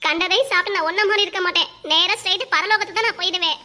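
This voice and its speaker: A woman's voice: very high voice, fairly even intonation, rapid-fire, sharp tone, exaggerated voice. A woman voicing a talkative young village woman in a cartoon, bantering in a southern Tamil Nadu accent with a playful, dramatic manner. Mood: teasing. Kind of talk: cartoon voice acting.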